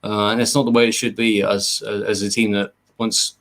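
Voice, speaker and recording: A man's voice: lowish voice, flat delivery, moderate pace, creaky, fairly bright tone, a little hiss or hum. An English man co-hosting a fan podcast, talking earnestly at length with lots of fillers. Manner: earnest, rambling with many fillers. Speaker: podcast co-host. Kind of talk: casual fan podcast chat.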